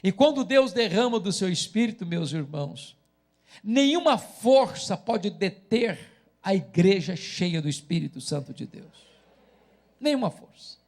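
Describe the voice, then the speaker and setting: Brazilian pastor guy preaching hard, high voice, builds up to big chanted shouts. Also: very animated, a little slow. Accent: Brazilian Portuguese. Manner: dramatic preaching, rising to loud chanted cries. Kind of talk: sermon.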